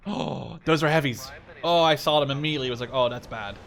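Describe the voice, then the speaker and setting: This gaming video host, a man in his twenties, speaks a little fast in a mid-range voice with vocal fry. He gives loose, slangy gameplay commentary and swears now and then. Behind his voice, the game's battle roars loudly with artillery, gunfire, and vehicles.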